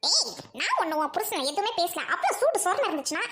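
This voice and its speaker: A woman voicing a loud, scheming young bride who scolds and wails in a family skit. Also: sing-song, slight background noise, exaggerated voice. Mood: scolding. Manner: shrill, scolding, quick to wail. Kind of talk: Tamil family skit acting.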